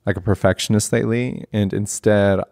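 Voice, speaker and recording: A man's voice: lowish voice, fairly even intonation, brisk, creaky, a little mellow, no room sound, clean studio sound. A young man hosting a podcast, talking in a reflective, earnest, casual way. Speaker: podcast host. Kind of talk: casual conversational podcast talk.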